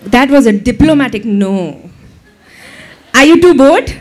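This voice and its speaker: A woman's voice: a little high, a little slow. A woman hosting a live cultural show, bantering and teasing the audience. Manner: lively, teasing crowd banter. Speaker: event emcee. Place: event venue with live audience.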